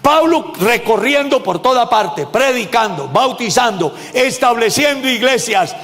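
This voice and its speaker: A male pastor preaching a sermon, animated, joking and calling out questions to his congregation. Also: very high-pitched, a little slow, long reverb tail. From Colombia. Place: church hall.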